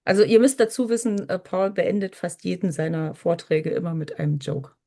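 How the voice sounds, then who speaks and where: A woman's voice: fairly low pitch, steady tone, a little fast, creaky, warm tone. A woman co-presenting, giving informal explanations in a presentation.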